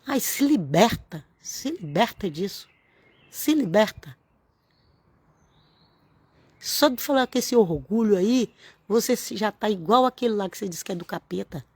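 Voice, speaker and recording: A woman's voice: medium pitch, lively intonation, measured pace, long pauses, darkish tone, breathy edge, no room sound. A woman, giving an informal, earnest sermon-style talk to camera and repeating phrases for emphasis. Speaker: religious vlogger.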